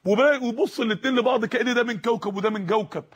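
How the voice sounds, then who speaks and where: Fast Egyptian preacher with husky voice. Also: male voice, very high voice. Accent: Egyptian Arabic. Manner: rhythmic, repeating phrases. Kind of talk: dramatic storytelling sermon.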